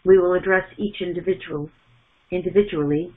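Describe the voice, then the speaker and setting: A middle-aged woman delivers a channeled spiritual message in a halting, measured way, often restarting and repeating words, recorded at home on a wired earphone mic. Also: fairly low pitch, steady tone. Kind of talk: channeled message in first person plural. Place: small indoor room at home. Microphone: wired earphone mic on a webcam call. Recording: phone-like narrow sound.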